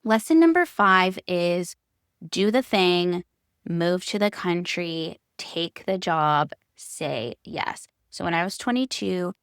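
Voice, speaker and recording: A Hungarian-born woman in her thirties from California, with an American accent, hosts a solo podcast, speaking candidly, conversationally, and emphatically and repeating phrases for stress. Her lowish voice is clear and resonant with lively intonation and an unhurried pace, in clean studio sound with no room sound.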